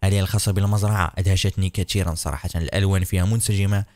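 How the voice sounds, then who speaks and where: A young man giving excited, chatty commentary on a video game and talking to his viewers. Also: low-pitched, very fast. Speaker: gaming YouTuber. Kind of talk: let's play commentary.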